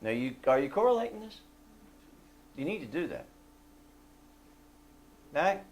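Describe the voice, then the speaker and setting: A man leading a fellowship group, telling a story in a casual, animated way and asking the listeners for agreement. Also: fairly high pitch, measured pace.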